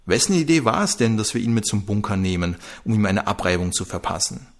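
A man voicing a desperate young man who shouts in panic. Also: fairly low pitch, very animated, brisk.

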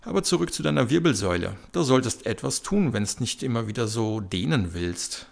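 Man voicing Natalia, a quick-witted mum. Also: mid-range voice, animated, vocal fry. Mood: teasing. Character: sharp-tongued practical young mother, woman. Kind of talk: comic audio story.

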